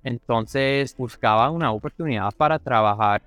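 A man's voice: mid-range voice, fairly bright tone, dry recording. A young American man, a native English speaker, chatting as a podcast guest and searching for his words in careful Spanish. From Kansas City, Missouri, USA. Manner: measured, repeats words while searching for Spanish. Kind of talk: casual interview chat.

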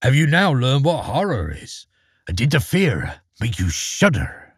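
A man voicing a blunt village innkeeper in a storybook reading, quick and gruff. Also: mid-range voice, huge pitch swings, no room sound, studio quality, exaggerated voice. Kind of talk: storybook character voice.

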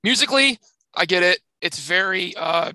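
A man's voice: sits high, lively intonation, moderate pace, bright, forceful tone, no room sound. A young man co-hosting a podcast, chatting loosely and joking, with casual swearing. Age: young adult. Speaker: podcast co-host. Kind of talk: casual chat.

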